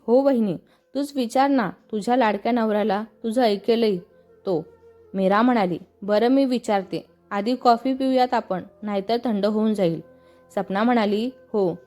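A woman reading a family story aloud, giving the narration and every character's lines in the same even storytelling voice. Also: fairly high pitch.

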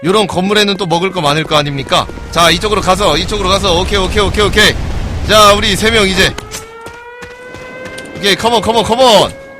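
A man streaming a game live and commenting as he plays, excitable, swearing and yelling at other players. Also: high voice, fairly quick, noisy background.

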